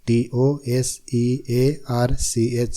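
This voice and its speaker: A man with a Gujarati accent teaches a spelling lesson with a very dark, mellow voice. He spells each word out letter by letter and repeats the meaning in a steady classroom rhythm. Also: mid-range voice, slow pace, clear, resonant tone. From Gujarat, India.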